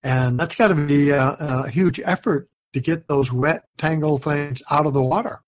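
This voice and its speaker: A man's voice: on the high side, normal speed. Man chatting casually on a podcast. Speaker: podcast co-host. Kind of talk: casual chat.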